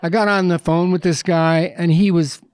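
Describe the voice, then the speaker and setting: Male playwright guest, animated storyteller, slightly high voice, dry sound. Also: normal speed, clean tone, no echo. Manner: rambling, self-interrupting, animated anecdotes. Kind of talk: conversational storytelling.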